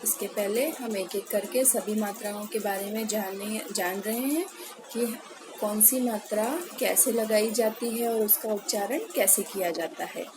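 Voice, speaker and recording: A primary school Hindi teacher with a medium-pitched voice leads a phonics lesson for young children against a noisy background. She slowly and patiently repeats each word, drawing it out, and keeps checking in with her pupils with "है ना".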